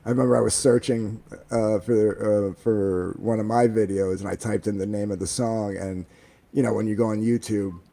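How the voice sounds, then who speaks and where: A man in his forties tells long, rambling stories with easy animation. His voice sits low and dark, with a gravelly fry running through it. He talks as a guest in a relaxed, casual conversation. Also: moderate pace. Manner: rambling, animated storyteller with many fillers. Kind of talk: casual storytelling chat.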